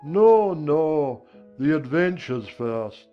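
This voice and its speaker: A man's voice: on the high side, animated, extremely slow, dull audio, faint music behind. A man voicing a solemn, impatient male Gryphon who bosses others around, in a dramatized audiobook. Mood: bossy. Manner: blunt, impatient, bossy.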